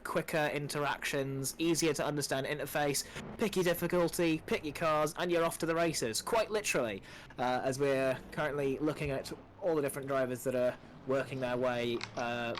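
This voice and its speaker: A man's voice: mid-range voice, a little hiss or hum, poor audio. A man commentating a live sim racing stream, chatty and promotional with many fillers. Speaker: race commentator.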